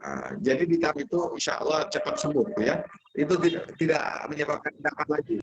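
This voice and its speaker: A man's voice: on the high side, very animated, fairly quick, dull audio, heavy background noise. A man, a doctor, explaining advice patiently on a video call while his audio keeps breaking up over a bad connection. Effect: choppy audio breaking up over a bad connection. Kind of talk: online health consultation.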